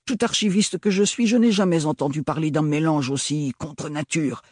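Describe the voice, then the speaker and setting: A man's voice: on the high side, moderate pace, darkish tone, no echo, clean studio sound, close to an everyday voice. A man reading aloud, voicing a grumpy old great-uncle who scolds in indignant outbursts in a storybook. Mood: stubborn.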